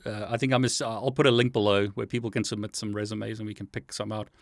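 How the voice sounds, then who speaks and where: A man's voice: on the low side, level tone, quick pace, creaky, no room sound, clean studio sound. A man hosting an interview, asking questions in a friendly, casual way. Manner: friendly, asks questions with light laughter. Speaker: show host interviewer.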